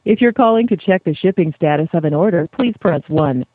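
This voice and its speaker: A woman reading recorded prompts as a phone menu voice, measured and formal in a customer-service manner. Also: on the low side, expressive, dry recording, narrow, tinny audio. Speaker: automated phone menu announcer.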